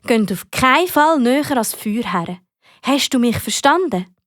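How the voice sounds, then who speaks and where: A woman voicing a calm, kind female fire dispatcher who speaks reassuringly, with a Swiss German accent. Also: a little high, a little slow, dry recording, clean studio sound.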